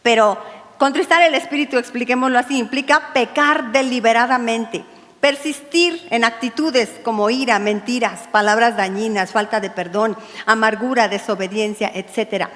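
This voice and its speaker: Una mujer con acento mexicano que enseña un estudio bíblico para mujeres en tono conversador y con humor. Dramatiza diálogos y pregunta a menudo "¿verdad?". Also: female voice, fairly high pitch, normal speed, fairly bright tone, long reverb tail. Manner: chatty and humorous, acts out dialogues, asks "¿verdad?". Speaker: pastor's wife teaching a women's Bible study. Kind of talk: women's Bible study sermon. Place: church hall.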